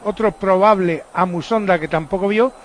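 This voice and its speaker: A man analyzes refereeing on a radio sports show in a high voice. He runs through the errors, critical and matter-of-fact. Faint noise runs beneath. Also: normal speed.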